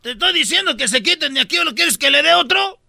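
A man, acting a bossy, mocking guard in a comedy radio sketch, with loud outbursts. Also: very high-pitched, lively intonation, fast talker, vocal fry, background noise.

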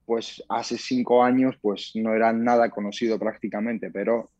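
A young man from Spain, a guest fighter answering interview questions in a calm, modest way. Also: on the low side, moderate pace, no room sound, muffled recording.

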